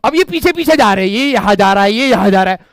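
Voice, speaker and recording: A young man casually telling a story to his viewers, animated and often saying "ठीक है". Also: high voice, fast talker, dry recording, studio quality.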